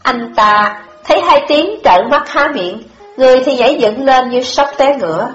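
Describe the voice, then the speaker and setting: A woman narrating an audiobook in a measured, expressive storytelling style. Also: high voice. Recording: dull lo-fi audio, echoey room, faint music.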